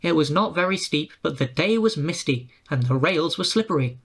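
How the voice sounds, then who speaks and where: A man's voice: fairly high pitch, animated, moderate pace, fairly bright tone, slightly rough. A man reading a storybook aloud and putting on voices for the engines and coaches. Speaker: storybook narrator.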